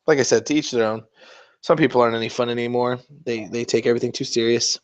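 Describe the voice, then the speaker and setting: A man's voice: mid-range voice, steady tone, fast talker, smooth, dull audio. Rambling, profane man streaming his hobby. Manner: rambling, profane, teasing banter. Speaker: livestreamer painting miniatures. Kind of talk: casual chat.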